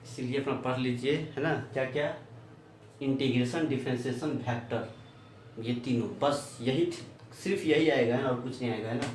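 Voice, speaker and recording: A man's voice: medium pitch, normal speed, slight background noise. Far-off, echoey male teacher at a board. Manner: keeps asking the class questions, repeats "है ना?". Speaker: physics teacher. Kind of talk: classroom lecture at a board. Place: classroom. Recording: far, echoey room with faint ambience.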